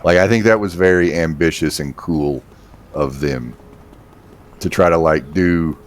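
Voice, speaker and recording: Male gamer in his 30s, deep and unhurried, rambling commentary with filler words. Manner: rambling, swears casually, frequent fillers and laughs. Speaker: streamer. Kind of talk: casual gameplay commentary.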